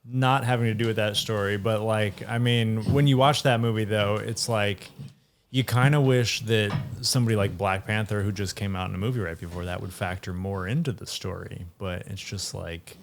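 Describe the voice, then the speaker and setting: A man's voice: on the low side, fairly even intonation, normal speed, slight background noise. A man on a podcast in casual chat, thoughtfully explaining his view at length. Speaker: podcast panelist.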